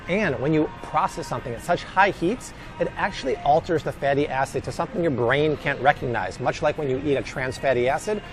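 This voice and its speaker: A man hosting a casual grocery shopping advice vlog, chatty and emphatic with jokey asides. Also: a little high. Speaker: host.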